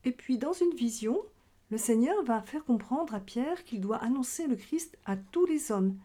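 Unhurried and animated, this woman has a mellow voice that is a little high. She is a catechism teacher leading children through a religion lesson in question-and-answer style, explaining everything simply.

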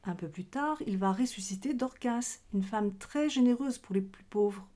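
A woman catechism teacher with a dark, mid-range voice speaks at a moderate pace. She delivers a question-and-answer religion lesson for children, keeping her explanations easy for young listeners.

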